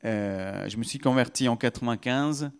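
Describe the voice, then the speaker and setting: A man's voice: medium pitch, normal speed, creaky, clear, resonant tone. A man, preaching a testimony with many restarts that build into fervent peaks. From Pakistan. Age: 30s. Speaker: guest preacher. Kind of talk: sermon testimony.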